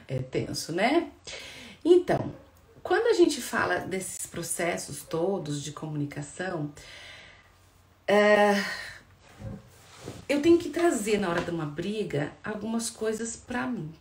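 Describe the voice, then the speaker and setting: A Brazilian-accented woman psychologist teaches in a lively, direct way and keeps checking in with her listeners. Her voice sits at an ordinary pitch. The room is echoey, with a faint hum of background noise. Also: a little slow, pauses often. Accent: Brazilian Portuguese. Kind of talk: explanatory talk to viewers.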